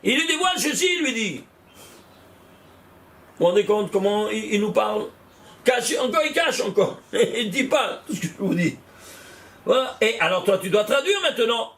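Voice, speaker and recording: A man teaching a Kabbalah study class, animated, repeating numbers out loud and exclaiming in wonder as he questions his students. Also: high voice, normal speed, long pauses. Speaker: Torah teacher.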